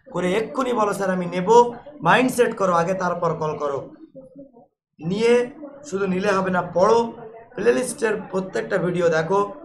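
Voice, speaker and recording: A man with a notably high voice teaches an online exam-prep class. He speaks with a West Bengal Bengali accent. He reads each question and answers it, with playful everyday examples. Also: low-quality recording.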